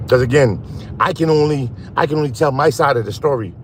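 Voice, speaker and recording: A man hosting a casual phone livestream while driving at night, rambling and halting as he talks to his chat. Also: medium pitch, slight background noise. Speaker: live stream host. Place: in a car at night.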